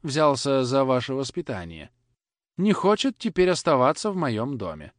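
Imperious old countess grandmother, as a male reader puts her on, drawling and commanding, lively in pitch. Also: normal speed, dry recording, clean studio sound, close to an everyday voice. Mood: stern. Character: stern elderly grandmother, a countess, imperious but grieving.

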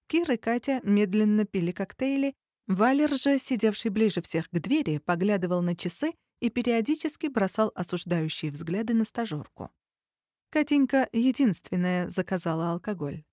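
Lady narrating a story audiobook, measured, warm mellow voice. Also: mid-range voice, lively intonation, no echo, studio quality.

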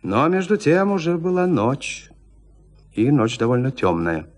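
Soft background music plays as a very animated, medium-pitched man narrates classic literary prose. He tells it like a storyteller, expressive and with deliberate pauses between phrases.

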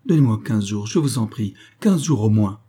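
Man doing a trembling proud butler, pleading, low dark voice, husky. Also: expressive, normal speed. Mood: begging. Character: proud desperate male butler, middle-aged.

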